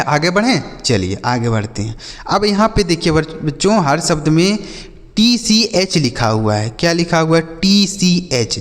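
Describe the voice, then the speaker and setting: A man's voice: a little high, long reverb tail. A male teacher giving a phonics lesson to learners he calls children. He keeps asking the class a question and then answering it himself. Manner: addresses learners as children and brother. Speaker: English teacher.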